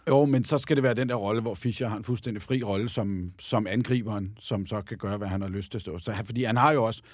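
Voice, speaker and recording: A football podcast co-host with a lowish voice chats casually with a fellow fan, sounding hesitant and agreeable, using many fillers and often saying yes. The recording is dry and of studio quality.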